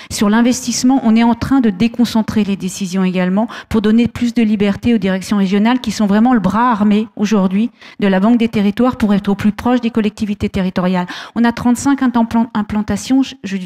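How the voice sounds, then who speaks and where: A woman speaking as a bank executive on a debate panel, brisk and assured, with some restarts. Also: medium pitch, warm tone, long reverb tail. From France.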